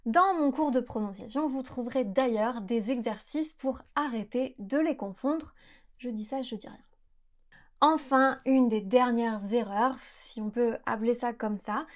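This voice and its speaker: French teacher woman, light higher voice. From France. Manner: clear, careful pronunciation with slowed examples. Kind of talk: explanatory lesson to camera.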